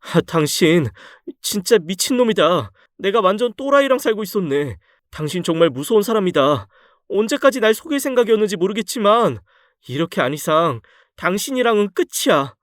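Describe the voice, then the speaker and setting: A man doing a shrill distraught young wife. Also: expressive, normal speed, no echo, clean studio sound. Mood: outraged. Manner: shrill, emotional pleading.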